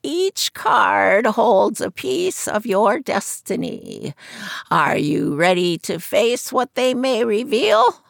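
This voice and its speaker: A croaking old fortune teller, as a woman puts her on, mischievous and mysterious. She draws out each pronouncement slowly and theatrically, rising high and loud. The voice is gravelly and close, in a dry room. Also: huge pitch swings, dry recording, exaggerated voice. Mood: mystical.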